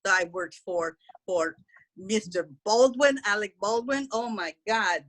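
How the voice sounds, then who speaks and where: In a character stand-up bit, a woman voices a brash, gossipy middle-aged housekeeper who talks bluntly in broken English. Her mid-range voice is a bit bright and measured in pace.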